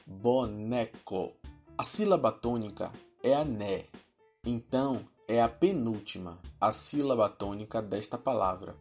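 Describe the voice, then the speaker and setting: A man voicing a cheerful virtual teacher with a Brazilian accent, explaining a lesson to children and slowing down to spell out words. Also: on the low side, animated, a little mellow, faint music behind. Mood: friendly. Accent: Brazilian Portuguese. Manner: upbeat, addressing children, slows to spell out words.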